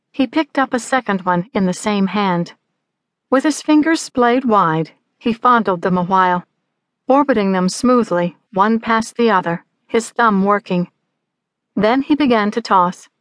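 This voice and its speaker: A woman narrating literary fiction in a measured, unhurried voice. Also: medium pitch, no room sound, clean studio sound. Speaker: audiobook narrator.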